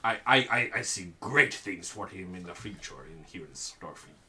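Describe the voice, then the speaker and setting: A man's voice: deep voice, animated, normal speed, sharp tone, pitched below the performer's own voice, heavily acted. A man voicing an eager male admiral, stammering as he tries for an accent. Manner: stammering, attempts a Russian accent.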